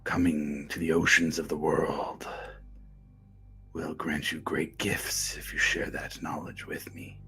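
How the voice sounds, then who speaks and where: A deep, growling voice from the depths, as a man puts it on, whispering slow, cryptic pronouncements in a low register. It sounds ancient and patient, more breath than tone. Faint music plays underneath. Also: flat delivery, gravelly, pushed and bright, husky, exaggerated voice. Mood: ominous. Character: ancient growling male sea power, cryptic.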